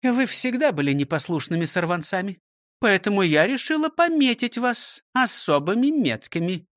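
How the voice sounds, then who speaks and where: A woman's voice: mid-range voice, big pitch swings, normal speed, no echo, studio quality, pitched above the performer's own voice, close to an everyday voice. A woman voicing a proud, bossy old woman schoolteacher in an audiobook story, with a prim manner.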